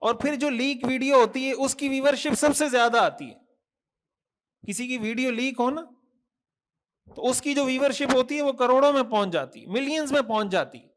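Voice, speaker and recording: A man's voice: very high-pitched, a bit bright. A man, a mufti giving a Thursday night sermon, earnest and admonishing, with many rhetorical questions and repeated lists. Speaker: mufti preacher.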